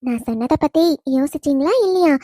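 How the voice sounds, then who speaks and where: A woman voicing the gentle, teasing spirit of a young wife in a cartoon, talking with affection to her husband. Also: high voice, animated, brisk, no echo, clean studio sound. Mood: tender teasing. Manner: affectionate teasing, soft laughs. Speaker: dead wife visiting husband. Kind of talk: cartoon voice acting.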